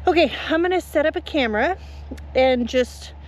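Chatty woman flower farmer, slightly high. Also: animated, moderate pace, slight background noise. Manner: chatty, explains step by step. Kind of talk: casual gardening tutorial. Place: outdoors in a garden field.

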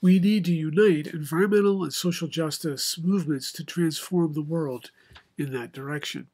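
An older man, preaching a sermon from a home study with bookshelves into a webcam, in a measured, reflective way with many pauses. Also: fairly high pitch, fairly even intonation, darkish tone. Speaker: pastor. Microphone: video call webcam, head and shoulders.

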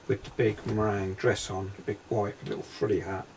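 A man working as a psychic medium, describing impressions in a halting, hesitant way inside a railway carriage during a paranormal investigation. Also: fairly low pitch, little pitch movement, darkish tone, a little hiss or hum.

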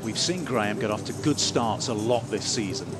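A man's voice: on the low side, animated, normal speed, music in the background. A man working as a golf commentator, calling putts in live sports commentary.

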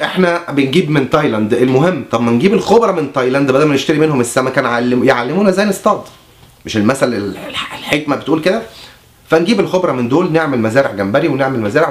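Fast-talking Egyptian man on a mock campaign. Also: medium pitch. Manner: fast, chatty, self-interrupting. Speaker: mock presidential candidate. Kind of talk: satirical campaign monologue.

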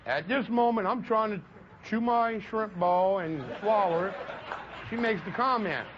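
A man from Louisiana with a Southern drawl recounts events slowly and in careful order, his voice sitting quite high. He is recorded outdoors, and the sound is dull and lo-fi with faint traffic behind him. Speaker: interviewee. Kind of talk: storytelling in an interview. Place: outdoors by a roadside.

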